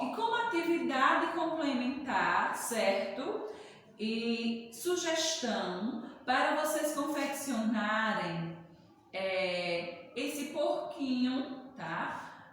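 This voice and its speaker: A woman's voice: a little high, fairly bright tone, a little hiss or hum. A woman teacher, patiently spelling out syllables letter by letter and praising young children in a recorded reading lesson. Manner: calls herself "tia", coaxing and praising. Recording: echoey room, distant from the mic, long reverb.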